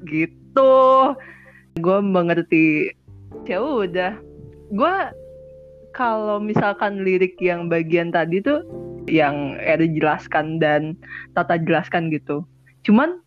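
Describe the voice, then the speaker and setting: A young woman with a Jakarta accent chatting casually as a podcast co-host, acting out her own thoughts. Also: fairly low pitch. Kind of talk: casual chat. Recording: slightly dull lo-fi sound with faint music.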